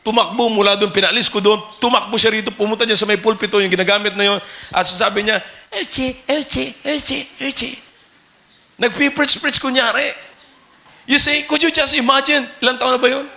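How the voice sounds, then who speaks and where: A male pastor with a Filipino accent preaching an animated sermon, mixing Filipino and English and rising to shouts. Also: high-pitched, fast.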